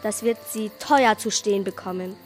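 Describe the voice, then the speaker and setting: A woman's voice: mid-range voice, normal speed, faint music behind, natural voice. A woman playing a bitter, vengeful old witch in an audio play, speaking in a theatrical, menacing way. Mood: furious, vengeful. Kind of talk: German audio play for children.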